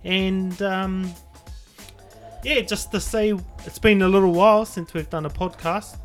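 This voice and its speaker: A man's voice: high-pitched, steady tone, a little slow, soft background music. A man from New Zealand with a Māori English accent hosts a casual podcast, speaking in loose, hesitant phrases. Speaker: podcast host.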